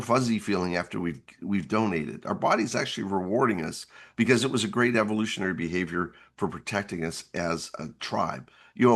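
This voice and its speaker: A man with a somewhat low voice that has gone hoarse and gravelly talks through an instructional webinar. He explains each step earnestly, in a plain presenter's manner. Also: a bit bright. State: hoarse, gravelly from losing his voice.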